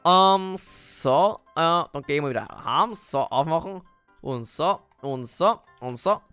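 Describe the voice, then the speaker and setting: An Austrian man narrates his Minecraft role-play in a fairly high voice, stumbling through fillers and breaking into panicky yelps. The close desk-mic sound is dry and right up against the ear. Light music runs underneath. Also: expressive, slow pace, sharp tone, clear, resonant tone, no room sound. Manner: hesitant, full of fillers, bursts into panicky yelps. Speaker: gamer.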